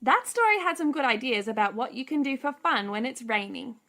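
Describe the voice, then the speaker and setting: Very high-pitched woman presenting for children. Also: animated, brisk, bright, forceful tone. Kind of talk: children's story show, scripted chat.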